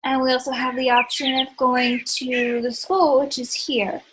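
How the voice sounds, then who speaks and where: A woman's voice: sits high, flat delivery, unhurried, noisy background. A woman hosting a let's play, chatting as she plays, thinking aloud, and tossing in sarcastic asides. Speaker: gaming channel host.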